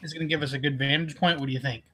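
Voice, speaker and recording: A man's voice: a little high, fairly even intonation, rapid-fire, bright, forceful tone. A man playing a tabletop game, thinking aloud hesitantly as he asks the game master questions. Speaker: player.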